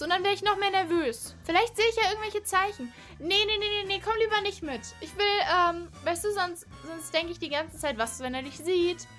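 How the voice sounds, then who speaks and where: A woman voices herself in a casual game role-play, with a very high and bright, sharp voice. She is chatty and excitable and often restarts her sentences. Faint music plays behind her. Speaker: YouTuber role-playing in a game.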